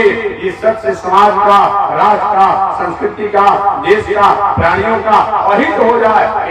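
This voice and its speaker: A man giving a devotional sermon to a large outdoor gathering, slowly chanting Sanskrit verses and then explaining them. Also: high voice. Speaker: religious preacher. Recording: echoey public-address sound from far off.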